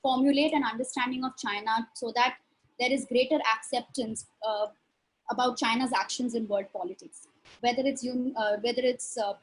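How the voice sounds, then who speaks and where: A woman's voice: fairly high pitch, fairly even intonation, normal speed, poor audio. A woman presenter politely answering the chair's question over a video call, addressing him as sir. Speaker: panel presenter.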